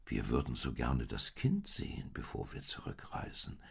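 A group of slow, curious camels from a storybook talks in a deep, wondering voice, put on by a man reading aloud. The sound is gravelly and husky. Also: huge pitch swings, darkish tone, heavily acted. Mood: pleading.

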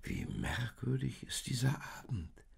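A man voicing Mary, a gentle young mother in a storybook reading, in a raised, airy voice. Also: medium pitch, wildly swooping pitch, a little slow, vocal fry, husky, pitched above the performer's own voice, full character voice. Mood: amazed.

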